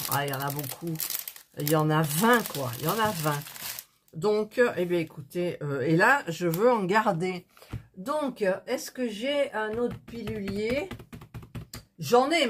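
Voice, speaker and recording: A woman chatting casually to viewers while doing a craft, thinking aloud with many hesitations and counting items out loud. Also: lowish voice, a little hiss or hum. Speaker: crafting video host.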